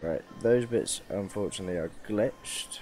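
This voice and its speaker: Tired low-voiced gamer. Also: male voice, moderate pace, warm tone, slight background noise. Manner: rambling, self-mocking, chatty. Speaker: gaming YouTuber. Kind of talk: casual gameplay commentary.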